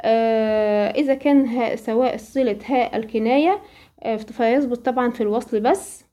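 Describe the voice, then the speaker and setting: A woman with an Egyptian accent teaching a Quran recitation lesson, asking questions and then answering them, and slowly reciting the examples. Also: a little high, dark tone. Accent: Egyptian Arabic. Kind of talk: tajweed lesson.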